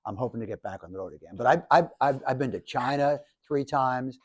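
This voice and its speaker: A man in his seventies, a professor giving a lively, jokey classroom lecture to students, with many restarts. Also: mid-range voice, a little fast, slightly rough. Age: 70s. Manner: animated, jokey, talks to the audience, restarts often. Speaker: professor and speaker.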